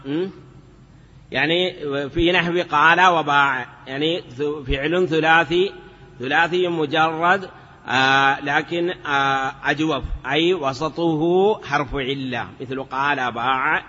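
A man's voice: on the high side, takes it slowly, sharp tone, in a large hall, muffled recording. A man teaching Arabic grammar in a patient classroom lecture, repeating examples and chanting some in a sing-song lilt.

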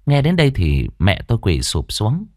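A man narrating a ghost story in a dramatic, expressive way. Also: lowish voice, normal speed, no echo, studio quality.

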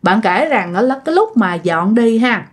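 Woman, casual ghost story narrator, fairly high voice, chatty and direct with listeners. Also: big pitch swings, moderate pace, breathy edge.

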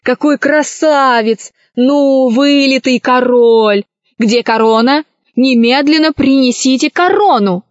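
A woman's voice: high-pitched, slow pace, dry recording, pitched above the performer's own voice. A woman playing a gushing, theatrical pirate queen. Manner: gushing and exclamatory. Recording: dry, slightly dull recording.

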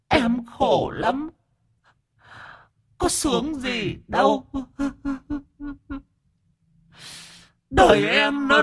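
A man voicing a whiny, sharp-tongued bald male ghost who speaks in a plaintive, sniffling way. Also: sits high, pitched above the performer's own voice.

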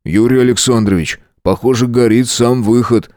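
A man's voice: mid-range voice, moderate pace, darkish tone, no echo, clean studio sound, natural voice. A man voicing a practical, urgent young male student in an audiobook.

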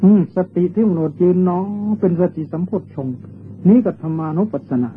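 A man's voice: sits high, expressive, a little hiss or hum. Older man, Thai accent, Buddhist monk, dharma sermon, patient repetitive teaching, tinny old tape. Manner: patient, repetitive teaching with drawn-out meditation chants.

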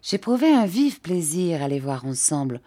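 A woman narrating a classic novel as an audiobook, reading in a steady, measured way. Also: sits low, no room sound, studio quality.

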